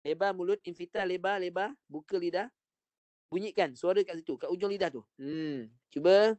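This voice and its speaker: A man's voice: high-pitched, moderate pace, darkish tone, no echo. A man with a Malaysian Malay accent teaching an online Quran recitation lesson, patiently repeating short drills and corrections over a video call.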